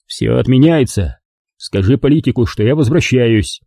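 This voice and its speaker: Brief: male narrator as a calm ex-soldier hero of an audiobook, low-key and measured, husky voice. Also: dry recording, clean studio sound. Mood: terse. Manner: quiet, clipped and measured.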